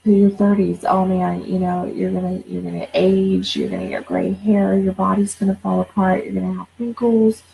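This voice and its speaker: A woman's voice: medium pitch, flat delivery, moderate pace, creaky, hardly any pauses, dark tone, a little hiss or hum, poor audio. A woman in her forties, a life coach, talking casually and bluntly, swearing and repeating herself as she gets going. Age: 40s. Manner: blunt, swears, repeats words when fired up. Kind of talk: casual livestream talk.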